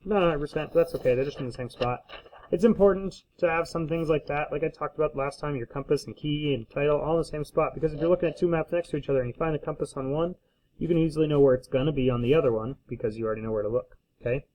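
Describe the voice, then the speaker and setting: A man's voice: fairly high pitch, steady tone, fast, dark tone. A man teaching in a casual instructional screencast, often checking in with a short questioning tag. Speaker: school teacher. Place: indoors at a desk, recording a screencast. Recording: slightly dull lo-fi screencast audio.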